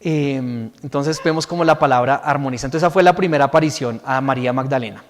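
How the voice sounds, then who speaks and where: A man's voice: medium pitch, quick pace, long reverb tail. A man preaching a sermon as pastor, reading scripture aloud and explaining it, often checking in with the congregation. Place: church hall.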